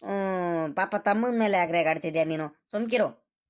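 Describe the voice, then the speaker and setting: A woman voicing a gentle grown child of a village family in a cartoon, a peacemaker. She speaks in a pleading, soothing way, repeating her calls. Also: lowish voice, normal speed, natural voice. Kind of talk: cartoon voice acting.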